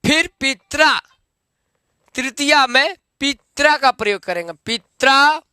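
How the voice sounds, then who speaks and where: A man's voice: very high voice, lively intonation, pushed and bright, dry recording, clean studio sound. A man teaching Sanskrit grammar, reciting noun forms one by one and checking that students follow. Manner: slow, drilled recitation of forms with checks for understanding.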